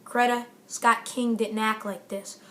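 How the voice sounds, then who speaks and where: Middle-aged woman preaching to her audience, higher voice, hammers her point again and again. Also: flat delivery, measured pace, pushed and bright. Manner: emphatic, repeats phrases for stress. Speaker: author giving a talk to camera. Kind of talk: impassioned motivational address.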